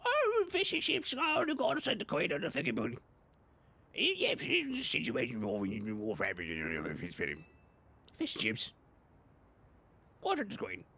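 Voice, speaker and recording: A man's voice: fairly high pitch, huge pitch swings, slow, vocal fry, pauses often, pushed and bright, exaggerated voice. A man voicing a mock posh British woman leader in an exaggerated parody accent, babbling nonsense phrases.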